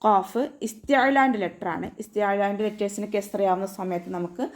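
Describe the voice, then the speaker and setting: Speaking at a medium pitch, a Malayali-accented woman leads an online class on tajweed. She goes through every letter with patience and recites sample verses at a slow pace.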